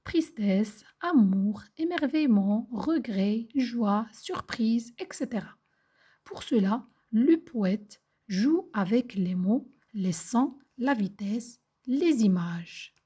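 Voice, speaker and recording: A woman teacher giving a video lesson for young children, slow and patient, repeating and explaining simple words in a breathy, half-whispered voice. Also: a little high, expressive, warm tone. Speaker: primary school teacher.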